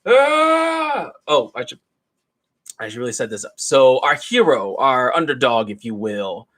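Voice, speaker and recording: A man's voice: mid-range voice, moderate pace, fairly bright tone. A man giving a casual, rambling film review, retelling the plot loosely with plenty of asides. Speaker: movie reviewer.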